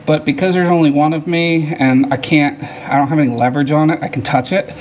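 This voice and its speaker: A man's voice: on the high side, fairly even intonation, brisk, a little mellow, a little hiss or hum. Breathless man narrating attic work. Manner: talks in bursts between physical work, muttering frustration. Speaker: home DIY vlogger. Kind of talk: casual narration while working. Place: cramped attic.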